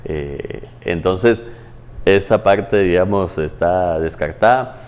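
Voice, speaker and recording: A man in his thirties, a studio interview guest who explains in a measured way with many hesitant fillers. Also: sits low, a little mellow. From Guatemala. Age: 30s. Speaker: guest, former tax agency head.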